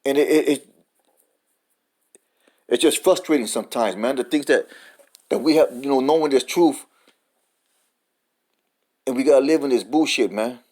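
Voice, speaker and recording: A man preaches in a loose, profane way, repeating himself and tacking "man" onto his sentences. He stops to read verses and word definitions aloud. His voice sits at an ordinary middle pitch for a man. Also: moderate pace, pauses often, darkish tone. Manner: profane, repetitive, says "man" often; reads scripture and definitions aloud. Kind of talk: informal sermon.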